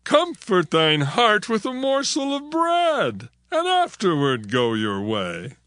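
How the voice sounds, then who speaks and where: A man acting an older father-in-law, genial, pleading, drawn-out, very lively pitch, close dry sound, dramatized scripture. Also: smooth, no room sound, heavily acted. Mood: coaxing, hospitable. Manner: slow, drawn-out, pleading delivery.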